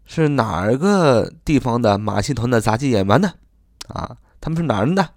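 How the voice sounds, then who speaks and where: A man teaching English vocabulary in Chinese, slowly repeating each word and spelling it out letter by letter, speaking English with a Mandarin Chinese accent. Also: mid-range voice, animated, a little mellow, dry recording, clean studio sound. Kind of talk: spoken vocabulary lesson.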